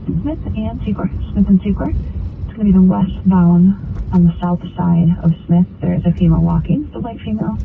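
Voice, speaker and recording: A woman's voice: fairly low pitch, normal speed, creaky. A woman working as a police dispatcher, heard over a police radio, giving clipped dispatch calls. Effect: police radio transmission. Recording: tinny radio with road noise.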